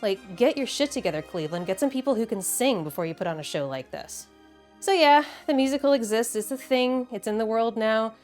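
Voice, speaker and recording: A Midwestern American woman narrates a scripted video essay in a medium-pitched, slightly mellow voice. Her delivery is wry, conversational, and emphatic, with casual asides.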